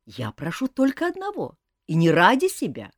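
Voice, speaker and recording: A woman's voice: mid-range voice, huge pitch swings, normal speed, no echo, studio quality, voice pushed up. A woman reading an audiobook, voicing a sardonic young king who needles his cousin dryly and insistently.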